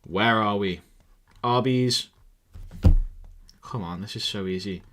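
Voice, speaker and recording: A man's voice: fairly low pitch, slow pace, fairly bright tone. A young man streaming live as a trader, thinking aloud in casual commentary, exasperated and swearing freely.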